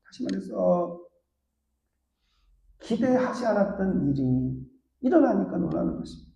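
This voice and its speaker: A man's voice: sing-song, a little slow, creaky, warm tone, lo-fi sound, slight background noise. A man preaching a sermon as pastor, telling stories and acting out the voices of the people in them. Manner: storytelling, acts out voices with big pitch swings. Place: church sanctuary. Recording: echoey church room.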